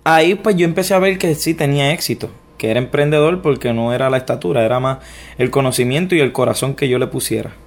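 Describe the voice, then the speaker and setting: A man from Puerto Rico, speaking with a Puerto Rican Spanish accent in a mid-range voice, gives personal testimony as an interview guest. He tells his story haltingly, restarting often and poking fun at himself.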